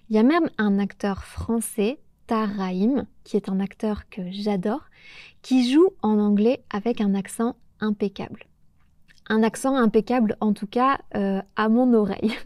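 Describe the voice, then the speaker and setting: A young French woman hosting a podcast for learners, talking slowly and carefully with small pauses. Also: mid-range voice, dark tone, no room sound, clean studio sound. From France. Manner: slow, careful, with pauses and hesitations. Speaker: podcast host teaching French. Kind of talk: clear, measured solo talk for learners.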